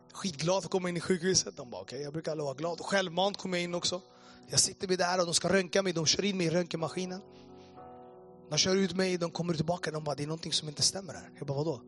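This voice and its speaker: Impassioned high-voiced man preaching testimony. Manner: storytelling, reenacts conversations with a quoting "jag bara"; passionate, rises and drops sharply in loudness. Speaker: preacher giving his testimony. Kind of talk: testimony sermon.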